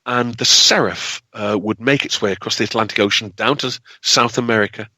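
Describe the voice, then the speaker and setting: Guy historian, crisp bright voice, dramatic storyteller, leans on words, dry sound. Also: fairly low pitch, steady tone, brisk, no room sound, rough recording. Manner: emphatic, repeats words for effect. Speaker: guest historian and tour guide.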